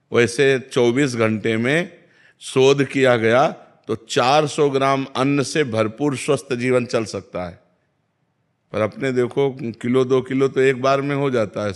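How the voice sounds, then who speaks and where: A man delivers a devotional discourse in a calm, measured voice at an ordinary mid pitch. He speaks as a spiritual teacher, instructing firmly and quoting scripture now and then. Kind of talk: devotional discourse answering questions.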